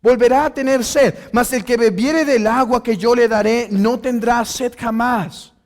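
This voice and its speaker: High-voiced pastor preaching. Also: male voice, fairly even intonation, unhurried. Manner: addresses congregation as brothers, acts out dialogue. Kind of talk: expository sermon.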